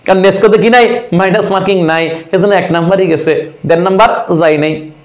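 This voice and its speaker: Man, high voice, exam-prep teacher, rhetorical questions, teasing. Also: fairly quick. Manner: rhetorical questions, answers them himself, teasing. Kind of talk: online grammar class.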